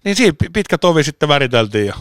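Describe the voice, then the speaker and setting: A man's voice: fairly high pitch, sing-song, fairly bright tone. Rambling storyteller man on a podcast. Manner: rambling storyteller, swears and laughs often. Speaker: podcast co-host. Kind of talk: casual chat.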